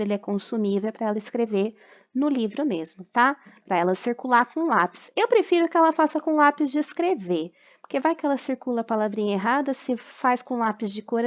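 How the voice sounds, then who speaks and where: A Brazilian woman teacher with a fairly high voice talks parents through homework corrections in a patient, explanatory way, pausing often to check they follow. The recording is dull and lo-fi, made at home. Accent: Brazilian Portuguese. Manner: patient, explanatory, frequent check-ins, slow syllable-by-syllable dictation. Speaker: primary school teacher. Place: at home during quarantine.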